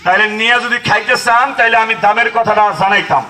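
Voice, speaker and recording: A man with a Bangladeshi accent giving a loud, insistent, repetitive street sales pitch like a carnival barker, selling medicine. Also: fairly even intonation, fast, far from the mic, rough recording. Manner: insistent, repetitive, chanting appeals to a crowd. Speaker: street medicine seller, canvasser. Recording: voice off the mic, music behind.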